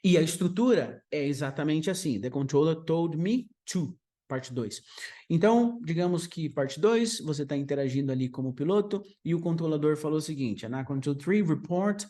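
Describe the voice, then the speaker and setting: A man with a Brazilian Portuguese accent giving an online lesson for an aviation English exam, rushing through asides and slowing down to drill English example sentences. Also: on the high side, expressive, dark tone. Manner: explanatory, switches between fast asides and slow drilled English examples.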